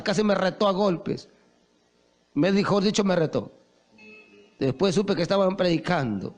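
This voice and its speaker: A male preacher delivers an impassioned sermon in a high voice. His pitch leaps and falls as he acts out stories. Faint music plays underneath. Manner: impassioned, storytelling with acted quotes.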